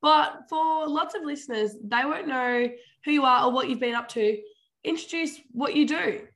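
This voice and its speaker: Higher-pitched Australian woman hosting casually. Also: normal speed, a bit bright. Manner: informal, slangy, conversational. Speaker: podcast host, interviewer.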